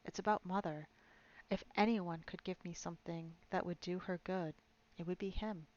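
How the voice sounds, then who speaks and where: A woman's voice: lowish voice, fairly even intonation, normal speed, a little mellow, highs cut off, close to an everyday voice. A woman voicing a determined, anxious young boy who speaks urgently and breathlessly.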